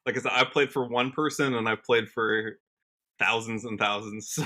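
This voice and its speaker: Here a country singer-songwriter from Washington state, United States, sits in as a podcast guest, speaking thoughtfully and thinking as he goes. His mid-range voice holds a steady tone at a moderate pace, pushed and bright.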